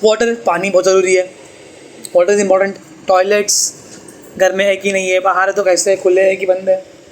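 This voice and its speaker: A man's voice: high-pitched, completely flat delivery, moderate pace, low-quality recording. A man teaching a tuition class, chatty and teasing as he explains. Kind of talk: classroom lecture.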